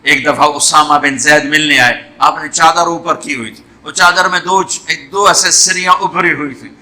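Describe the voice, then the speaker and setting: Male preacher, fervent storytelling sermon, fairly high and very forceful voice. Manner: impassioned storytelling, lamenting cries. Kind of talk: emotional sermon.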